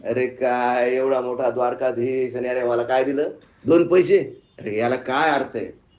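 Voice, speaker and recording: A downcast, self-pitying beggar man grumbles low and soft, as a male preacher puts him on. The voice rings in an echoey room and comes through dull and muffled. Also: quick pace, lightly acted. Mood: lamenting. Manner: lamenting, then shouting with joy.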